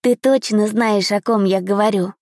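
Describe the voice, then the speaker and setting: A woman's voice: medium pitch, fairly even intonation, moderate pace, darkish tone, no echo, studio quality, lightly acted. A woman voicing a playful, loving four-year-old boy prince in an audiobook, with a raised childlike voice. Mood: excited. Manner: raised childlike voice, eager and pleading. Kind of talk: audiobook character voice.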